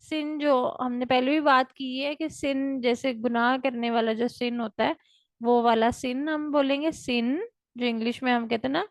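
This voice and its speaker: A woman from Pakistan teaching a recorded language lesson, drilling words slowly for students to repeat. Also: sits high, fairly even intonation, no room sound. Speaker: language instructor.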